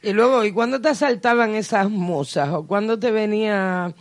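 A woman hosts a radio interview at a medium pitch. She asks chatty, curious questions in a relaxed way. Her voice sits in the middle of the range. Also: normal speed. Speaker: radio host.

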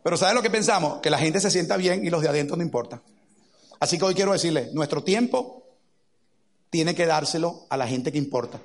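A middle-aged man preaching a sermon as a pastor, telling stories with lively acted-out quotes. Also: on the high side, a little fast. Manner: animated storytelling with acted-out quotes.

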